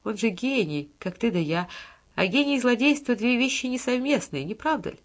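A woman voicing a frail, gentle young male composer who asks weary, wondering questions in a storybook reading. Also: fairly high pitch, animated, fairly quick. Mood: pensive.

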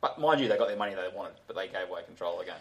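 Fast-talking, emphatic man. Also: deep voice, animated, poor audio. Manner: emphatic, argumentative. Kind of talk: casual podcast chat.

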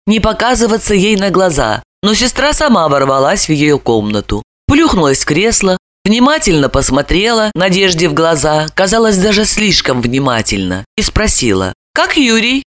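A woman narrating a novel in measured, expressive storytelling. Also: lowish voice. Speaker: audiobook narrator. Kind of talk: scripted narration.

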